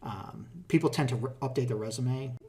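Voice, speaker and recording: Boston-accented middle-aged man, relaxed. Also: medium pitch, moderate pace. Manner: relaxed, explanatory, many fillers and restarts. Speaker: tech hiring manager. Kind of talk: casual interview conversation.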